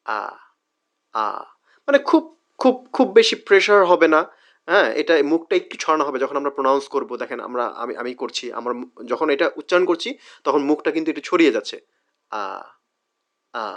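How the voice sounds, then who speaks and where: A man's voice: fairly high pitch, a bit bright. A man teaching English pronunciation in a screen-share lesson, patiently explaining and repeating each sound and word several times for learners. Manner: explanatory, asks and answers its own questions.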